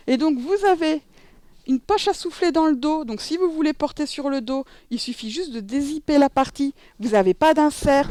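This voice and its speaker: A woman's voice: high-pitched, mellow, no room sound. A French woman teaching how to wear a babywearing coat, chatting casually with many fillers and self-corrections. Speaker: babywearing instructor. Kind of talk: demonstration tutorial. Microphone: headset.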